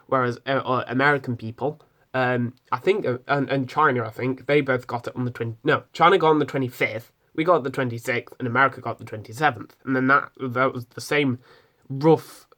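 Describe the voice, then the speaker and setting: A man's voice: mid-range voice, a bit bright. A young British man with a British accent, giving a rambling, casual film review full of ums and restarts. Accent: British English. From Britain. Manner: rambling, many ums and self-corrections.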